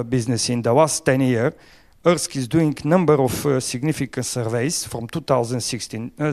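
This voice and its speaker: A man with a Bulgarian accent presents at a conference in English, his second language. He speaks at a middle pitch, stopping often to search for words and filling the gaps. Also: darkish tone. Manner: halting, frequent pauses and fillers.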